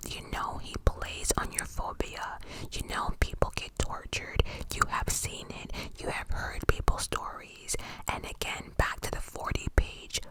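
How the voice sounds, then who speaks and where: A woman's voice: measured pace, poor audio. A woman whispers breathily, right up against a cupped mic, in an ASMR commentary style. Her delivery is informal and opinionated, with emphatic repeats and blunt swearing, all without full voice. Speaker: ASMR creator. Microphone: close-up cupped USB condenser microphone.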